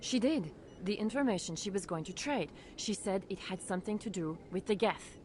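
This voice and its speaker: A woman's voice: mid-range voice, expressive, moderate pace, a little mellow, slight background noise, natural voice. A woman playing an earnest, shaken clinic doctor in a video game. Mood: earnest explaining.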